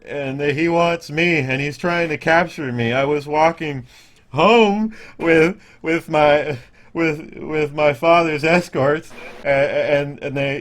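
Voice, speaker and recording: A frightened, tearful little boy, voiced by a man, stammering and stumbling over his words. His voice sits well above the speaker's own low register, thin and high. He sounds like he has been running and crying for hours. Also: a bit bright. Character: scared injured boy, nine or ten, stammering.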